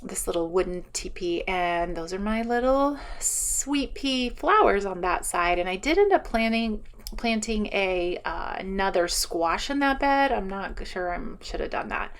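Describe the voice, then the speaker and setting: Unhurried and animated, a medium-pitched woman chats her way through an outdoor garden tour. Her narration is casual and excited, wandering as she thinks out loud in typical vlogger style.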